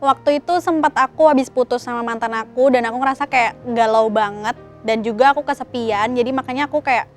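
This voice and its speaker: A twenty-one-year-old woman, a TV intern, speaking candidly and softly in casual talk. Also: fairly high pitch, a little fast, few pauses, soft background music. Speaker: panel guest, TV intern. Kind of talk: casual discussion.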